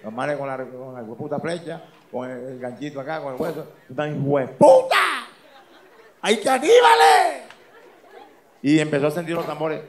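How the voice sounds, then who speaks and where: Animated Colombian coastal comedian, echoey stage. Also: male voice, a little high, brisk, few pauses. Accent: Colombian Caribbean coast. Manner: animated, swings into loud shouted character voices and sound effects. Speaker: stand-up comedian. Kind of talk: stand-up joke telling.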